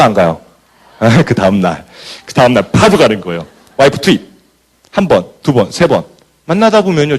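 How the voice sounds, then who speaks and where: A man giving a motivational talk to business partners, telling stories and acting out scenes as he goes. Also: mid-range voice. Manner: animated storyteller who acts out scenes. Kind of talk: motivational speech with storytelling.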